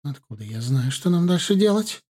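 A man's voice: fairly high pitch, animated, normal speed, pitched above the performer's own voice. A man voicing an irritable, reproachful middle-aged mother who runs a kindergarten, in an audiobook. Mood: indignant. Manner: sharp, reproachful, indignant. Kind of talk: audiobook character voice.

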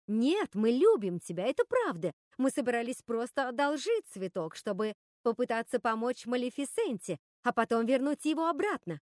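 A woman's voice: on the high side, sing-song, moderate pace, hardly any pauses, darkish tone, no echo, clean studio sound. A woman voicing a nervous witch sister who pleads and apologizes. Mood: pleading. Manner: anxious, pleading.

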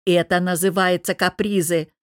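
A woman's voice: fairly low pitch, fairly even intonation, normal speed, no room sound, clean studio sound, lightly acted. A woman voicing an angry, domineering, jealous young businessman husband who growls and barks his words. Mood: angry shouting. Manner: growling, barking, hissing through teeth.

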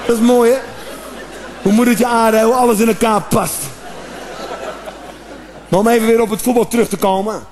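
A man doing a stand-up comedy routine, animated, with sudden shouted outbursts and acted-out noises. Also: very high voice, normal speed, long pauses, a faint crowd.

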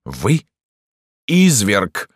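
A man's voice: lowish voice, huge pitch swings, very slow, slightly rough, no room sound, clean studio sound, pitched above the performer's own voice, full character voice. A man voicing a small, fussy, grey-bearded old doctor in an audiobook, petulant and absent-minded. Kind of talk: audiobook character voice.

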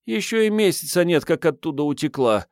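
A man's voice: a little high, expressive, a little fast, darkish tone, no room sound, studio quality, voice pushed up. A man voicing a cheeky, scruffy homeless teenage girl who talks brashly in street slang, in an audiobook. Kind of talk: audiobook reading.

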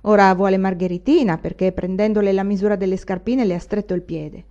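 A woman's voice: medium pitch, steady tone, fairly quick, dark tone, lo-fi sound, natural voice. A woman voicing a tipsy, ragged old village woman who gossips in a wheedling way. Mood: gossipy.

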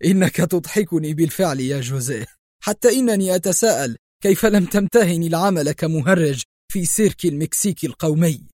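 A man voicing a cool, sarcastic male hero who taunts his captors calmly in a storybook reading. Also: on the high side, a little fast, no room sound, studio quality, lightly acted. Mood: mocking. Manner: calm and sarcastic.

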